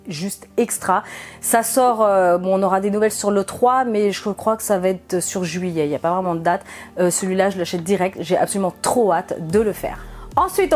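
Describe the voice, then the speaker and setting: A woman's voice: mid-range voice, darkish tone. Chatty young woman gaming vlogger. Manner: chatty and enthusiastic, giggles often. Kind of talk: casual vlog chat.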